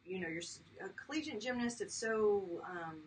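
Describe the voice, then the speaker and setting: A woman's voice: mid-range voice, lively intonation, normal speed. A woman in her fifties, a chiropractor, talking casually as an interview guest with lots of fillers. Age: 50s. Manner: chatty, laughs easily, many fillers. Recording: distant mic with faint background noise.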